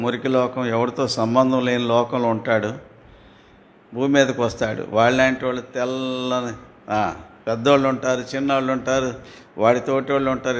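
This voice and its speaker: A man with a Telugu accent preaching a sermon. He asks his listeners questions and answers them himself, reads scripture slowly and grows loud and fervent. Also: medium pitch.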